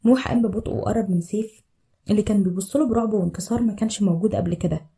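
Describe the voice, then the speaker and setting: A woman with an Egyptian accent narrating a scripted story in an even, rapid storytelling manner. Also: medium pitch, gravelly. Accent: Egyptian Arabic.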